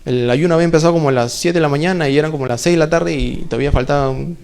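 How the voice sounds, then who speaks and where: A man's voice: a little high, very fast, creaky, a little mellow. A man preaching a sermon in a church, conversational, full of rhetorical questions and playful asides.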